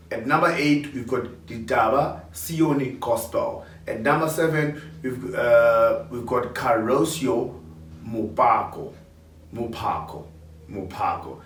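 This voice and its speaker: A man's voice: medium pitch, a bit bright, slight background noise. A man presenting award nominees in a countdown with an upbeat, hype-style pep talk. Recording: roomy, distant mic.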